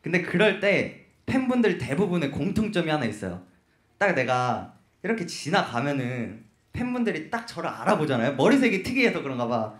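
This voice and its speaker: A man with a high, very lively voice hosts a live fan event from a concert hall stage. He talks to the audience in a playful, teasing way and tells animated stories. His voice rings through an echoey hall with faint noise behind. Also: fairly quick. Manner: playful, animated storyteller who teases the crowd. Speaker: crew member hosting a fan talk show. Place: concert hall stage before about 300 fans.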